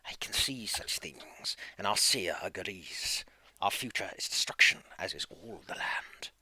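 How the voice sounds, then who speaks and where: Eerie tabletop-game matriarch, played by a man: crackly, slow, formal, ominous. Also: fairly low pitch, animated, fairly bright tone, no room sound. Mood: foreboding. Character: eerie, grave old woman seer-like leader.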